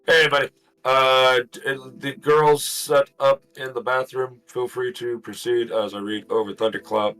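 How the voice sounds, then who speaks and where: A man's voice: mid-range voice, level tone, unhurried, fairly bright tone, soft background music, low-quality recording. A man narrating as game master in a tabletop game stream, rambling with lots of fillers.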